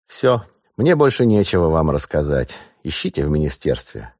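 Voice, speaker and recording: A man's voice: very deep voice, big pitch swings, moderate pace, a little mellow, no room sound, clean studio sound, heavily acted. A man voicing a proud older tsarist general who speaks in a stiff, dignified way, in an audiobook. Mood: curt.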